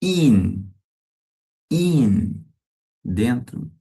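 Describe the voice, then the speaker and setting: A man teaching English to beginners. He reads each short sentence twice, slowly and clearly. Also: mid-range voice, big pitch swings, warm tone, rough recording. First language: Portuguese. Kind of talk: slow repetition drill for beginners.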